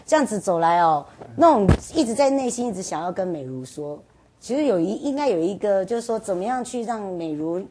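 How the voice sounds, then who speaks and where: A woman's voice: mid-range voice, lively intonation, a little fast, warm tone. A woman hosting a live talk show with a Taiwanese Mandarin accent, chatting in a playful, teasing way. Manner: playful, teasing, laughs often. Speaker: radio show host. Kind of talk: casual live interview chat.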